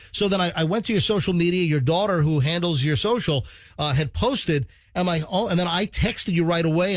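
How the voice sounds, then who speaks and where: Morning radio DJ, higher-pitched man. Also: dry recording. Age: middle-aged. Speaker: morning radio show host. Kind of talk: morning radio DJ interview chat.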